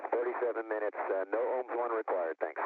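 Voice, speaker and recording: A man's voice: fairly low pitch, brisk, breathy edge, no echo. Sex: man. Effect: crackly sci-fi communicator radio. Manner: terse, clipped. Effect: crackly space-to-ground radio, like a sci-fi communicator. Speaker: astronaut on board. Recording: tinny narrow radio link.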